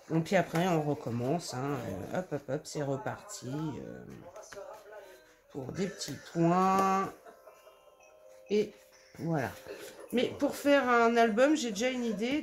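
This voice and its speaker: A woman's voice: medium pitch, a little mellow. A woman vlogger casually showing her scrapbooking haul, gushing over each paper with lots of fillers and calling her viewers affectionate names. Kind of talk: casual product haul show-and-tell.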